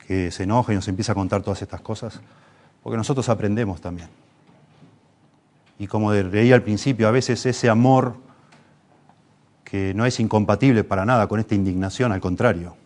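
A man's voice: on the low side, fairly quick, pauses often, darkish tone. A man with a Rioplatense Spanish accent preaching a sermon, impassioned, pushing his voice up for emphasis and restarting phrases as he goes.

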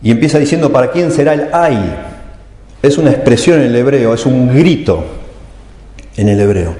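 A man's voice: mid-range voice, animated, moderate pace, warm tone. A man preaching a sermon, explaining scripture and voicing its cries with emphasis. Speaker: pastor. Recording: echoey hall with long reverb.

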